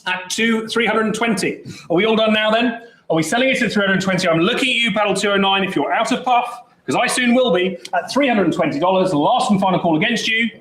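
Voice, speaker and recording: High-voiced auctioneer calling bids. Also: male voice, roomy sound, background noise. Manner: brisk, chatty bid-calling with jokes. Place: auction saleroom.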